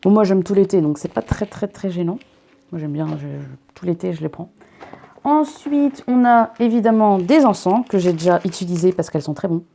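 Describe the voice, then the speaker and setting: Unboxing a subscription box for her vlog, a young woman from northern France by the Belgian border chats in a casual, jokey way, frequently interrupting herself. Her voice is on the low side, expressive, creaky and mellow, at a moderate pace. There's a little hiss or hum.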